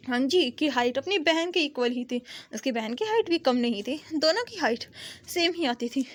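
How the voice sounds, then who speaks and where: A woman's voice: high-pitched, fairly bright tone. A woman storyteller casually retelling a drama plot, chatty and mixing in English words, with frequent restarts.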